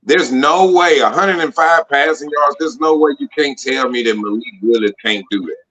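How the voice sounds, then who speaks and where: Bright-voiced frustrated sports podcaster man. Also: mid-range voice, moderate pace, rough recording. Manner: frustrated, emphatic. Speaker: podcast co-host. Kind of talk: heated sports talk.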